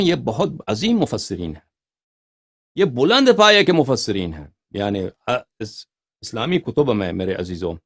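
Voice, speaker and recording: Animated, emphatic male religious lecturer. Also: medium pitch. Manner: emphatic, recites quoted passages slowly and repeats key words; asks rhetorical questions to the audience. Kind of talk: explanatory scriptural lecture.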